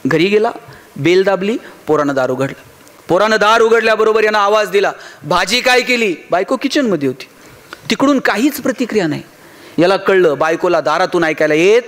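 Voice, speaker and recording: A man's voice: sits high, animated, fairly quick. A man giving a motivational speech, telling stories, acting out dialogue and asking the audience rhetorical questions. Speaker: motivational speaker.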